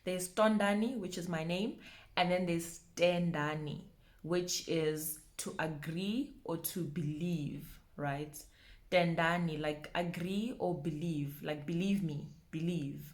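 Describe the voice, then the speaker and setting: A young woman leads a pronunciation lesson, speaking slowly. She says each word with care, repeats it, and laughs often as she goes. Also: lowish voice. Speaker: language teacher.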